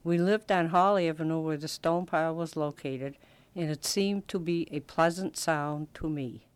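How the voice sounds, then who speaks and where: Smooth clear voice, gentle nostalgic reading, dry sound. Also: mid-range voice, moderate pace, no room sound. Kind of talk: reading a childhood memory.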